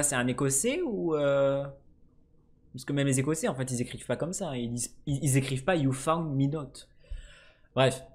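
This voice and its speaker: A man giving casual let's-play commentary, swearing freely and swinging between low mutters and sudden excited shouts. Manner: swears casually, jokey asides. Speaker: gaming streamer.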